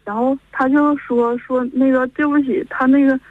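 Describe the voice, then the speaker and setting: A young woman in her twenties with a Northeastern Mandarin accent calls in and rambles through her story, linking each event with "and then." Her voice sits high and steady at a normal pace, with no room sound, carried over a dull, lo-fi telephone line in a call-in chat.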